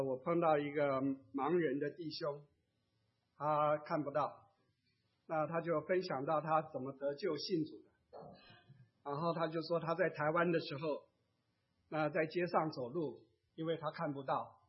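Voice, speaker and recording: High-voiced man preaching a gentle sermon. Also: fairly even intonation, normal speed. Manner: gentle storytelling, acts out quoted remarks. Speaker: pastor. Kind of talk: sermon sharing a testimony. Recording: dull lo-fi sound.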